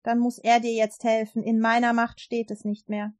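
A woman voicing a proud, excitable old king in a read-aloud Bible story, boastful and then dismayed. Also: a little high, normal speed, close to an everyday voice. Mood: sorrowful.

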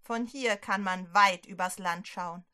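A woman leading a prayer and telling a Bible story to children, gentle and clearly spoken. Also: medium pitch, measured pace.

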